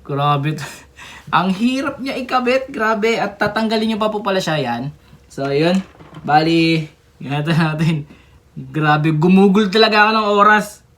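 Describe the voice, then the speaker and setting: A woman's voice: fairly low pitch, a little slow. Chatty woman doing a toy unboxing. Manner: chatty, excited exclamations and giggles. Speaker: toy reviewer. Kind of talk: casual unboxing commentary.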